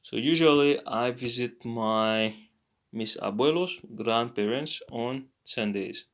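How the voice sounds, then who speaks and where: A tired man teaching a casual language lesson, halting with many fillers and repeats. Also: mid-range voice, fairly bright tone. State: tired, yawning.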